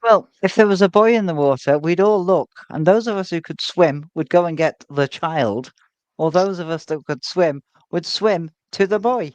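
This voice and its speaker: A man's voice: high voice, moderate pace, no echo, highs cut off. A British man in casual chat, making dry joking asides. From Britain.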